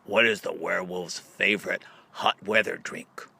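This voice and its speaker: This audiobook reader, a man with a low, steady voice, has vocal fry, a sharp tone and a breathy edge, with no echo. He reads a scripted riddle book in question-and-answer style, setting up each question and drawing out the punchline.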